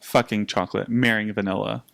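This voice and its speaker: A man's voice: fairly low pitch, creaky, dry recording. A young man co-hosting a podcast, chatting casually and laughing often. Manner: chatty, animated, quick to laugh. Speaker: podcast co-host. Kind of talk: casual chat.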